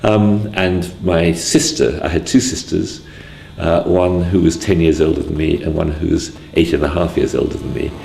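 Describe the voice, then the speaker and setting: Very deep gravelly man in his sixties. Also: fairly even intonation, normal speed, a little mellow, roomy sound, a little hiss or hum. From Wales. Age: 60s. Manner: hesitant, full of ums and restarts. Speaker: interviewee. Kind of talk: casual spoken memoir.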